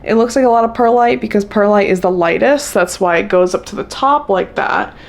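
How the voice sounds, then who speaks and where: A woman's voice: mid-range voice, a little fast, creaky. A young woman vlogging casually about her houseplant chores, chatty and upbeat, laughing often. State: hiccuping. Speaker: plant vlogger. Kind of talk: casual chat to camera.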